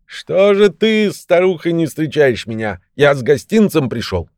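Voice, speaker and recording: A hapless old peasant man from a storybook, put on by a man. He exclaims slowly, drawing out each word, in a voice lifted above the reader's own. The recording is dry and close. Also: on the high side, big pitch swings, darkish tone, no echo, voice pushed up, full character voice. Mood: pleading.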